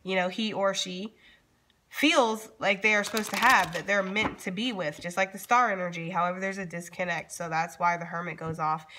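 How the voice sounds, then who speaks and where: A woman's voice: fairly low pitch, fairly even intonation, normal speed. A woman giving a casual, chatty tarot reading as channel host, speaking informally and straight to her viewers. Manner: informal, addresses viewers directly, frequently checks in with "okay?". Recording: background noise with card shuffling and clicks.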